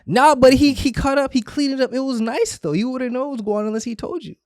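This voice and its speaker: His voice is extremely high-pitched and fast, captured in studio quality without echo. A young stylist with roots in both Trinidad and Florida, he laughs frequently while casually telling stories as a podcast guest, often restarting his sentences.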